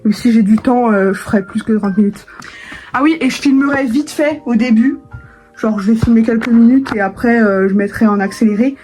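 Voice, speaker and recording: Young woman vlogging, mellow chatty voice. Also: on the high side, fairly quick, soft background music. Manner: chatty, many fillers and restarts. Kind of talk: casual vlog chat to camera.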